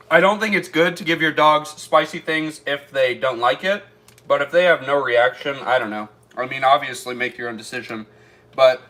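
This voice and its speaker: A man's voice: medium pitch, pushed and bright. A man chatting through a casual taste-test vlog, thinking aloud as he eats. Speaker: food reviewer.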